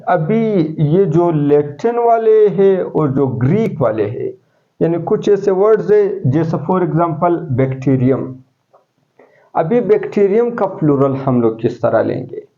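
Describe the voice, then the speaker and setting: A man teaching a class, speaking in a somewhat high voice that he keeps throwing out as questions for his students. The lo-fi recording sounds dull and muffled. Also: lively intonation, slow. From Pakistan. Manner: explains step by step, asking the class questions. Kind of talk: classroom lecture.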